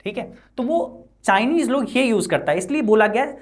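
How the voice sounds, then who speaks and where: A woman teacher explaining an English textbook chapter line by line, reading each English line slowly and then explaining it in a chatty way, with constant checks like "right?" and "okay". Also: fairly high pitch, animated. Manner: constant "है ना" and "ठीक है" tag checks; chatty, addresses students directly.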